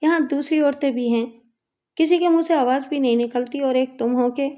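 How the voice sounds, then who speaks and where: A woman's voice: sits high, fairly even intonation, dark tone, close to an everyday voice. A woman voicing a bossy, caring woman inmate. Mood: firm. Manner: firm, commanding.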